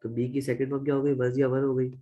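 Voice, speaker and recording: Flat-voiced Pakistani grammar teacher. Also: male voice, mid-range voice, fast talker, lo-fi sound. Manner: explains step by step, repeats examples. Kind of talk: classroom-style grammar lecture.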